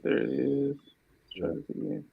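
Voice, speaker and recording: A man moderating a live-stream talk, speaking in brief, relaxed remarks over a crackly, staticky phone-like line. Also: mid-range voice, unhurried, creaky, husky. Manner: brief, relaxed remarks while checking the audio. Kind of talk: casual live-stream chat.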